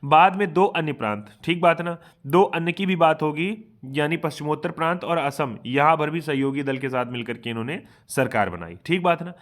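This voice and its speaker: A man giving a fast online exam revision lecture, asking questions aloud and answering them himself, often checking in with his students. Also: fairly high pitch, a bit bright. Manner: quizzes himself aloud, keeps asking "ठीक बात है ना". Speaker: exam coaching teacher.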